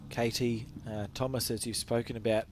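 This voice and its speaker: A man's voice: medium pitch, level tone, moderate pace, slight background noise. A New Zealand man commentating a live sporting event in a mid-range voice. He keeps things chatty and easygoing, trading light-hearted banter with his co-commentator between calls.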